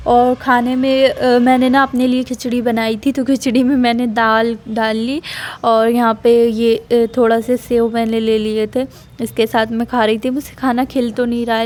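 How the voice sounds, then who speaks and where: A young woman with a slightly high voice talks into her phone camera while lying down at home. She rambles in a casual vlog, full of fillers and restarts. Her pitch stays flat, and she sounds tired from pregnancy. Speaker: vlogger.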